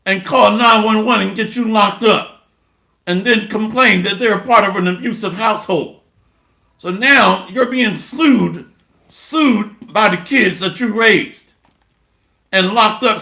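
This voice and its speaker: Coarse preacher guy, high gravelly voice, slow delivery, echoey room. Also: bright, forceful tone. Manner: blunt, coarse, mocking preacher with rhetorical call-outs. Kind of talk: sermon with scripture reading.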